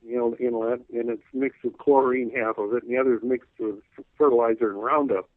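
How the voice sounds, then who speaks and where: A man calling in as a radio guest, rambling folksily with lots of "you know," clearing his throat as his voice wears out. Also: medium pitch, fairly even intonation, a little fast, no room sound. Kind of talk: casual call-in radio interview. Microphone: telephone. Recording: tinny phone line.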